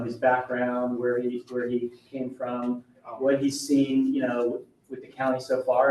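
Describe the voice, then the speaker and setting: A man's voice: mid-range voice, a little mellow. A man chairing a public board meeting, speaking informally and rambling a bit with many fillers. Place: county board meeting room. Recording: echoey meeting room, mic at a distance.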